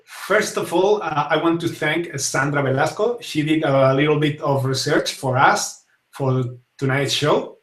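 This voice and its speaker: A man's voice: fairly high pitch, unhurried, a bit bright, distant mic. A young man from Spain with a Spanish accent, hosting a casual live-streamed talk show and talking hesitantly, with many fillers and restarts. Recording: echoey room, voice set back from the mic.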